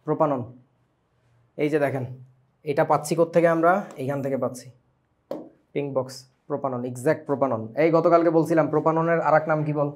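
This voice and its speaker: Bangladeshi guy teaching chem online, quick and a bit high, keeps quizzing the class. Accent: Bangladeshi Bengali. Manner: lively, asks students questions often, mixes English words. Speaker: chemistry teacher.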